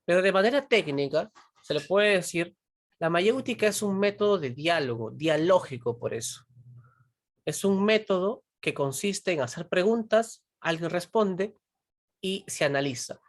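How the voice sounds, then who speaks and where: A woman's voice: on the low side, animated, moderate pace, dry recording, clean studio sound. A woman teaching a philosophy class, constantly checking in with her students, asking them questions and pushing them to answer. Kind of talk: online pre-university class.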